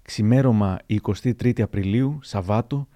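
A man narrating historical anecdotes aloud in a measured, storytelling manner. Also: fairly low pitch, warm tone, no room sound.

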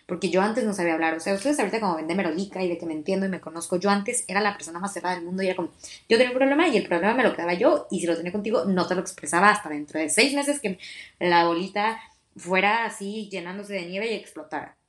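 A woman's voice: medium pitch, rapid-fire. A young woman in her twenties with a Mexican accent, hosting a podcast in a chatty, confiding way, with many fillers and restarts. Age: 20s. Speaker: podcast host. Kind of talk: casual personal podcast monologue.

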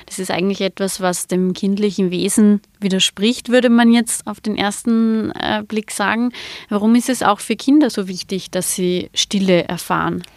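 A woman's voice: mid-range voice, moderate pace, no echo. Woman, Austrian accent, podcast host, attentive, dry close sound. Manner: attentive, with frequent affirming murmurs. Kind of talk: podcast interview.

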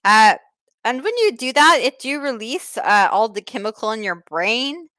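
A woman playing a foreign self-care adviser who speaks in broken, halting English with many restarts. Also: a little high, animated, pushed and bright, dry recording. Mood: deadpan advice. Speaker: comic advice giver. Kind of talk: improvised comedy bit.

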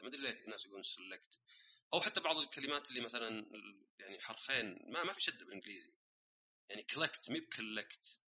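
A man's voice: lowish voice, bright, forceful tone, slightly rough, poor audio. A man hosting a casual solo podcast, explaining ideas through everyday examples and dropping English words into his speech. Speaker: podcast host.

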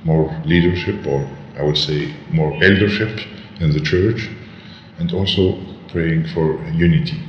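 A man from North Africa giving halting interview answers as a church leader, his voice disguised by an artificial deep pitch shift. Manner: halting, hesitant phrasing. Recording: roomy, long reverb, dull lo-fi, noisy.

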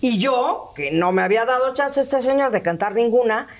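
A woman's voice: fairly high pitch, normal speed. A middle-aged woman from Mexico, a singer in a vocal group, telling stories in an interview and acting out who said what. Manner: animated, acts out quoted dialogue. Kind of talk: storytelling in casual interview chat.

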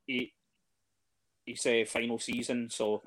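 A man's voice: mid-range voice, level tone, slow pace, a bit bright, a little hiss or hum. A man in casual chat as a guest, hesitant and full of fillers and restarts. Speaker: podcast guest, fan.

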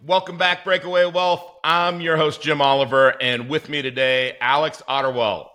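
A man's voice: on the high side, steady tone, normal speed, bright, forceful tone, faint music behind. A man hosting a podcast interview, chatty and rambling, poking fun at himself. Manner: chatty, rambling, self-deprecating. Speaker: podcast host. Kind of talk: casual interview chat.

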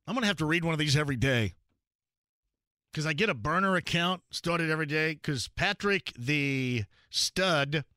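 A man hosting a sports radio call-in show with a bright, forceful voice pitched a little high. He jokes and chats easily with callers. The studio sound is dry and close. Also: no echo. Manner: joking, chatty, laughs often.

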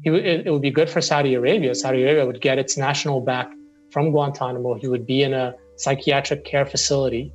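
A man in his forties talks earnestly about his legal work in an interview. His voice sits at a middle pitch, and he often restarts and repeats words as he thinks. He is a lawyer from Syria who grew up in the Middle East. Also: steady tone, quick pace, soft background music, low-quality recording. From Syria, raised in the Middle East. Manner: earnest, speaks in restarts and repetitions.

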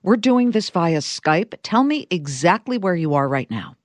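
A woman's voice: lowish voice, big pitch swings, measured pace, dry recording. A woman hosting a podcast, interviewing guests with enthusiasm. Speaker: podcast host.

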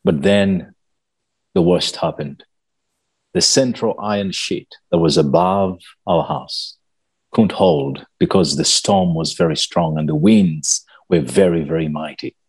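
A man from Uganda recounts his childhood as a guest. His voice sits very low and carries a husky edge. He speaks slowly and earnestly. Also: darkish tone. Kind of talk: personal storytelling in an interview.

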